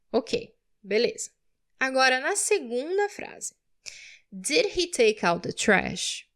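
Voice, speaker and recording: A woman's voice: mid-range voice, fairly bright tone. A woman teaching English grammar to Portuguese speakers, explaining patiently and checking understanding with frequent tag questions. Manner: explains patiently, tags phrases with "né?" and "tá?". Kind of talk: online grammar lesson.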